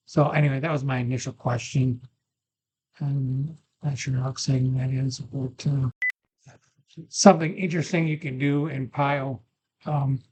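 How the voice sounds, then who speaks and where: A man with an average-pitched voice gives a casual, unscripted tutorial. He thinks aloud as he works through each step. The sound is a bit muffled, as from a makeshift microphone. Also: darkish tone. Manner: informal, thinking aloud, occasional throat clearing. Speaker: poker strategy video presenter. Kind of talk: casual screen-share tutorial, talking off the cuff. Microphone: makeshift mic, not a dedicated one. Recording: muffled, without a proper microphone.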